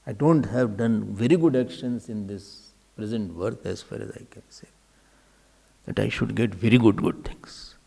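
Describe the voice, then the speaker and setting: A man's voice: lowish voice, moderate pace, vocal fry, warm tone, husky. A man with an Indian accent giving a spiritual discourse, emphatic and repetitive, asking rhetorical questions and slipping in Hindi phrases. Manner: mixes Hindi phrases into English.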